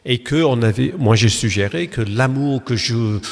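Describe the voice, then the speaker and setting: A man's voice: medium pitch, normal speed, gravelly. A man with an English accent, a pastor giving a lecture-style church talk in French, hesitant with many fillers and restarts. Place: Protestant church hall. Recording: long reverb of a church hall.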